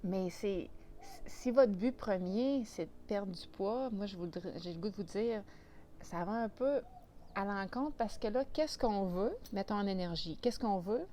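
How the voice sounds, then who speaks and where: A woman's voice: medium pitch, unhurried, mellow, slight background noise. A woman with a Quebec French accent talking casually to camera as a vlogger, chatty and full of restarts and fillers.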